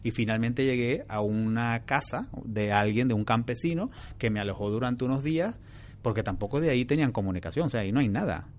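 A man speaks as an interview guest, in a calm, frank and reflective way. He tells his story in a relaxed conversational manner. A faint hiss sits under his voice. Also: mid-range voice, fairly quick. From Venezuela.

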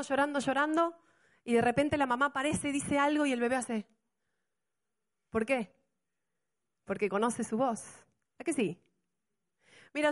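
Animated woman pastor preaching. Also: high voice. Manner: animated preaching with rhetorical questions. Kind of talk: sermon.

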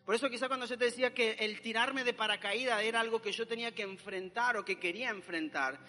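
A man's voice: very high voice, quick pace, sharp tone, big-room sound, faint music behind. A young man, animatedly telling a dramatic personal testimony. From Argentina.

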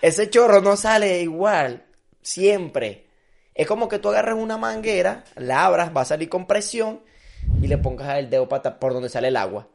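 A man's voice: sits high, moderate pace, gravelly. A young man with a Venezuelan accent, co-hosting a casual podcast chat, joking and crude. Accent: Venezuelan Spanish. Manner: joking, crude, animated storytelling. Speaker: podcast co-host. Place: living in Madrid.

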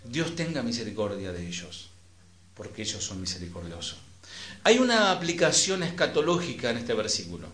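Argentine pastor preaching in an echoey hall. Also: male voice, mid-range voice, sing-song, moderate pace. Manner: swings between loud emphatic phrases and soft trailing endings; conversational, with asides to the congregation. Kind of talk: sermon.

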